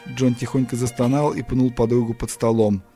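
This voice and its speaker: A man's voice: medium pitch, flat delivery, moderate pace, mellow, faint music behind. A man narrating a story in an audiobook.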